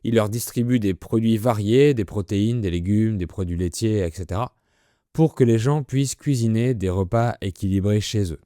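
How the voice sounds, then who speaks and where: A man's voice: lowish voice, moderate pace, dark tone, dry recording, studio quality. A man presenting an explanatory lesson for language learners in a didactic way, explaining words simply. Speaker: French teacher presenting a listening lesson.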